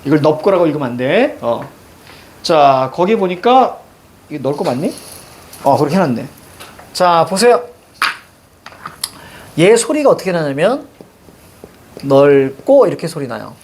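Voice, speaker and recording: A man's voice: on the high side, big pitch swings, normal speed, long pauses, slight background noise. A male teacher giving a classroom grammar lesson, questioning students and repeating key words.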